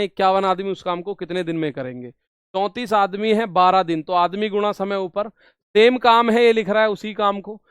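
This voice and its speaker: A man's voice: sits high, a bit bright, smooth, dry recording, clean studio sound. A man teaching an exam-prep maths lesson, repeating each step and coaxing his students along. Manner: repetitive, coaxing, addresses students as brother.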